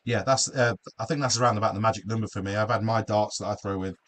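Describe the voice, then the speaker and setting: A man's voice: lowish voice, steady tone, quick pace, fairly bright tone. A man from the UK hosting a live darts stream from his home studio shed, chatty and jokey, reading out comments from viewers. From United Kingdom. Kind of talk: casual chat.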